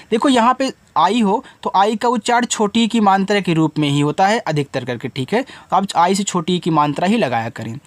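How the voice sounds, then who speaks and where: A teacher walks through English words letter by letter, stretching the spelling slowly before explaining it. The teacher keeps asking the students questions along the way. The recording is dry and close, with no room sound. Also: mid-range voice, dry recording.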